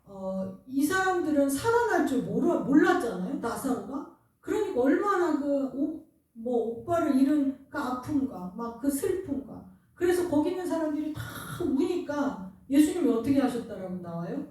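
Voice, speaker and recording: A woman pastor delivers a conversational, earnest sermon. Her voice sits a little high, with a soft, mellow tone. She stands at a distance from the mic, and it rings heavily through a very reverberant church hall. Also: sing-song, normal speed. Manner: earnest, asks the congregation questions. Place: church sanctuary.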